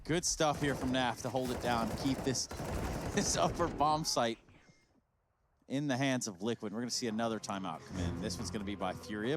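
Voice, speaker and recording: Chatty esports caster over music. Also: male voice, mid-range voice. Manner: relaxed, chatty analysis with laughs. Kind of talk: match commentary. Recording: broadcast with music bed. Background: music under the commentary.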